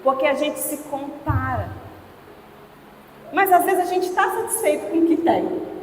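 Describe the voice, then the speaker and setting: Brief: woman preacher, high voice, chatty storytelling sermon, booming hall reverb. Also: animated, a little slow, slight background noise. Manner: storytelling, conversational asides to the congregation. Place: church hall. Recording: echoey church hall.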